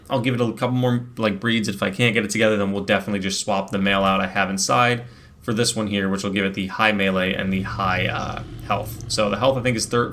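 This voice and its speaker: A man's voice: on the low side, a bit bright. A man hosting a gameplay video, chatting and explaining as he plays, with frequent fillers and restarts. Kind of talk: casual gameplay commentary.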